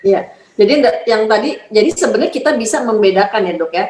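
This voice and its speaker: A woman hosts a casual live-stream interview in a mid-range voice. She is chatty, agrees often and fills pauses as she thinks aloud. The sound carries a noticeable room echo. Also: mid-range voice, lively intonation, slight background noise. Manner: chatty, warm agreeing, many fillers. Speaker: host of an online talk.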